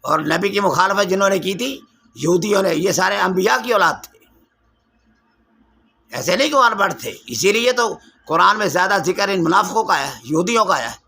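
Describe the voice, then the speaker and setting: A man's voice: high voice, expressive, bright, forceful tone, slight background noise. A man from Pakistan teaching Quran commentary, explaining Arabic pronunciation, reciting verses and dropping English words into his talk. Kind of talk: Quran commentary lesson ending in prayer.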